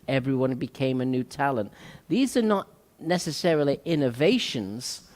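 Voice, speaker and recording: A man with a mid-range, slightly mellow voice hosts a talk show as a salon owner, speaking earnestly and motivationally. He repeats his key points and uses frequent fillers, and the recording carries long hall reverb.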